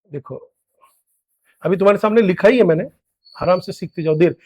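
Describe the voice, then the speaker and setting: High-voiced man teaching grammar. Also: darkish tone. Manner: drills students with repeated questions, very high-pitched. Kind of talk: classroom lecture.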